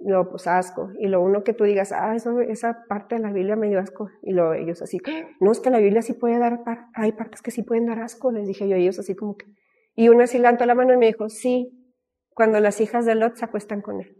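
A woman's voice: mid-range voice, fairly even intonation, quick pace, dark tone. A woman with a Mexican accent teaching about Bible study in a chatty, storytelling way, with frequent fillers. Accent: Mexican Spanish. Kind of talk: casual teaching talk with anecdotes.

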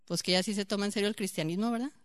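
A woman's voice: mid-range voice, racing, no echo, clean studio sound. A woman leading a church teaching, telling a story and firing rhetorical questions at her listeners. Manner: animated, rhetorical questions to the congregation. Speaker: Bible study leader.

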